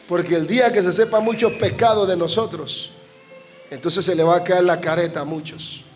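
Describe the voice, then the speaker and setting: A Panamanian man preaches with fervor in a very high voice and keeps pushing toward shouted peaks. He is a guest preacher in front of a church congregation. Faint music sits underneath him. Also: steady tone, measured pace, pauses often. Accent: Panamanian Spanish. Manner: fervent, often shouting, rising to emotional peaks. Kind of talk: impassioned sermon.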